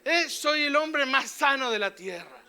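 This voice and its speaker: A male pastor delivers a fervent sermon in church. His voice is extremely bright and sharp, and his pitch sits very high for a man. He keeps checking in with his listeners through short questioning tags. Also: expressive, measured pace.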